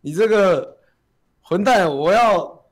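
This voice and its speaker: A furious mother turtle, huffing and threatening revenge for her child, as a man puts on a raised voice. Her voice jumps high and swings wildly in pitch as she makes threats in a made-up tale. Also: animated, takes it slowly, heavily acted. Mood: indignant. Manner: huffy, threatening. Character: angry mother turtle, middle-aged woman.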